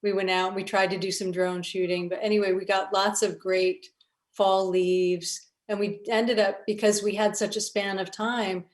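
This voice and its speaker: A woman's voice: mid-range voice, level tone, moderate pace. Casual woman telling production stories. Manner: storytelling, casual, light laughs. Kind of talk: festival Q&A conversation.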